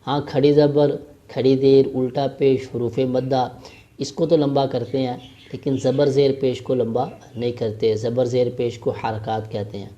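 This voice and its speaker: Man teaching recitation, slow syllable spelling. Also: mid-range voice, flat delivery, warm tone, lo-fi sound. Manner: spells out syllables slowly, then recites drawn out. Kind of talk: step-by-step recitation lesson.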